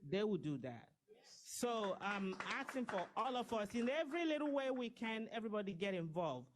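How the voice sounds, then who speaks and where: Speaking at a moderate pace with a mid-range, very animated voice, a Nigerian diaspora campaign organizer in her fifties makes a passionate, persuasive appeal to a gathering. Her manner is impassioned and pleading, and there is background noise.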